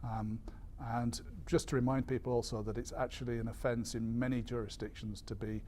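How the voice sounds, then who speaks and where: Hesitant male industry spokesperson, measured delivery. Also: mid-range voice, flat delivery, dark tone, slight background noise. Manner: measured, hesitant, with frequent ums and repeated words. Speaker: airline industry association spokesperson. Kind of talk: explanatory briefing to media.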